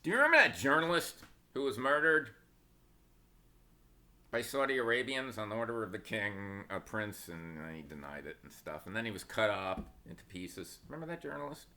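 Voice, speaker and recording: A man's voice: lowish voice, animated, normal speed, pushed and bright. A man giving casual stock market commentary, opinionated and sarcastic, wandering into asides.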